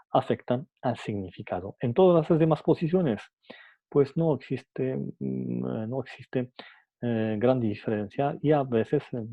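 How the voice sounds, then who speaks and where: A man's voice: medium pitch, no echo. A man teaching a phonetics lesson, hesitant, with many restarts and fillers, often adding a rhetorical "no?". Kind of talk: phonetics lecture. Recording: tinny lo-fi dry recording.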